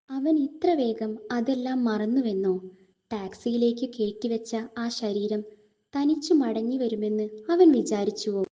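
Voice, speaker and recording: A woman narrating a literary short story in a measured, expressive storytelling manner. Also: mid-range voice, dull audio.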